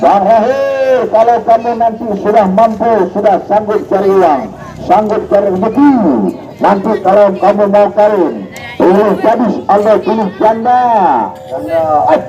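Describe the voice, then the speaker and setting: Male street snake oil hawker, theatrical and commanding incantatory patter, higher register, muffled lo-fi outdoor recording. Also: fairly even intonation, moderate pace. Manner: theatrical snake oil seller hawking to onlookers; commanding, incantatory, with repeated calls. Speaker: street medicine seller and showman. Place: outdoors at a roadside. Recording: dull lo-fi distant mic, loud background music.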